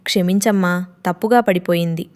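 A woman voicing a frail, gentle old grandfather who speaks softly and pleadingly. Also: fairly low pitch, fairly even intonation, fairly quick, clean tone, natural voice. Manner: soft, pleading.

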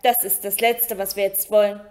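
A woman's voice: mid-range voice, flat delivery, normal speed, darkish tone, lightly acted. A woman voicing a nervous, fumbling middle-aged official in an audiobook reading. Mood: flustered.

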